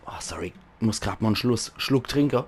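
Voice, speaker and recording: A hoarse man with a Palatinate German accent, chatting enthusiastically as he comments on a video game. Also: lowish voice, animated, fairly quick, a little hiss or hum. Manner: chatty, enthusiastic, laughs often. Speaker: let's play host. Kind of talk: casual gaming commentary.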